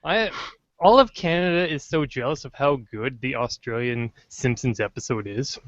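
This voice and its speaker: A man's voice: mid-range voice, normal speed, a bit bright, no room sound. A man hosting a casual podcast, joking and rambling as he tries out silly intros. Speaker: podcast host. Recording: dull lo-fi dry sound.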